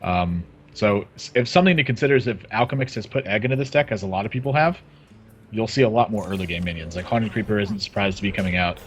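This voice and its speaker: A man commentating a live card game match, upbeat and quick on the play-by-play. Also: lowish voice, expressive, a little hiss or hum. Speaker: esports commentator.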